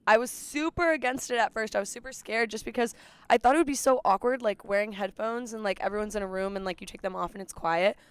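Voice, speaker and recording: A woman's voice: mid-range voice, quick pace, smooth, no echo. A young woman co-hosting a podcast, chatting casually and playfully, often laughing. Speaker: podcast co-host. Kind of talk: casual chat.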